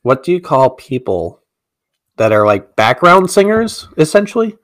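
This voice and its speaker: A man's voice: on the high side, big pitch swings, moderate pace, fairly bright tone. A man answering trivia in a casual chat, thinking aloud and hedging before he answers. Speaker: quiz partner.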